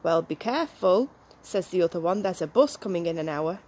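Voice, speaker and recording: A woman's voice: lowish voice, expressive, fairly quick, a little mellow. A middle-aged woman reading one-liner jokes aloud outdoors. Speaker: joke reader. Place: small back garden, outdoors. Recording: faint outdoor background noise.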